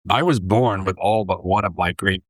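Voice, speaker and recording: A man from New York in his forties, a deli owner and former English teacher, telling his story in a relaxed, rambling way on a close podcast mic. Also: low voice, normal speed, dry recording. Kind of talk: casual interview storytelling.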